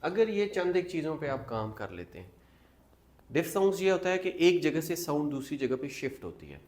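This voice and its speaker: A man's voice: a little high, big pitch swings, a little mellow. A man, teaching pronunciation in a classroom and drawing out the English words he models for the class. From Pakistan. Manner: slow, drawn-out model readings of English words. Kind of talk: classroom lesson, Urdu mixed with English.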